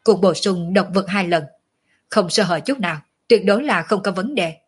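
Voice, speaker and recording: Woman doing a male underling, deferential, assured, husky, storybook reading. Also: mid-range voice, moderate pace, close to an everyday voice. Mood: reassuring. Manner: respectful, assured.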